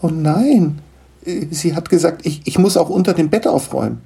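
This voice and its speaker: A young boy, as a male storyteller puts him on, pitched well up and stumbling over his words in earnest pleading. His voice has a husky grain, with a warm, soft tone. Storybook reading. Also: very animated, moderate pace, exaggerated voice. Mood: surprised. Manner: breathless, stammering pleading. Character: young boy, curious and anxious.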